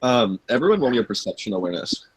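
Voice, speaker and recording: Husky hesitant male storyteller. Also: mid-range voice, sing-song, fast, low-quality recording. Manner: hesitant, many ums and likes. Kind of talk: running a tabletop game.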